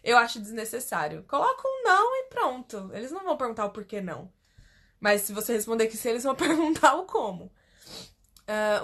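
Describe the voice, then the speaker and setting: A woman's voice: fairly high pitch, fairly bright tone. A young Brazilian woman with a Brazilian Portuguese accent, chatting casually on a phone livestream as she explains a form step by step. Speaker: host.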